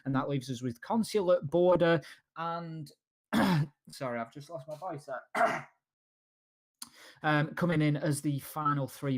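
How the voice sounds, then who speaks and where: A man casting a live esports final, breaking down maps and bans in a steady, conversational way. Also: a little high, no echo, studio quality. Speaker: esports caster.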